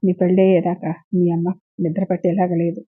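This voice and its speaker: A woman voicing a gentle, concerned middle-aged father who asks soft questions, in a dull lo-fi recording. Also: fairly low pitch, level tone, quick pace, breathy edge, no room sound.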